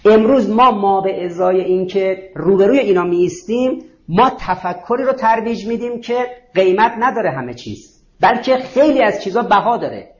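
Man, high voice, rhetorical lecture, dull lo-fi recording. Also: lively intonation, a little mellow. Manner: rhetorical, questions and answers himself. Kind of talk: ideological lecture to students.

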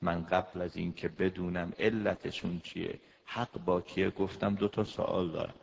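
A man giving a lecture of marriage advice as a family counselor, emphatic, acting out quoted husbands and wives with big swings in pitch and loudness. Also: level tone, vocal fry. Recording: dull, lo-fi recording with long hall reverb.

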